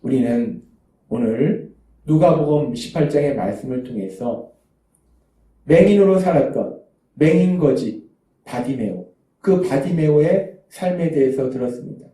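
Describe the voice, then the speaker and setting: Animated male pastor in an echoey church. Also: a little high, unhurried, long pauses. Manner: dramatic storytelling preacher. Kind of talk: sermon. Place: church sanctuary. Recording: echoey hall, mic far off.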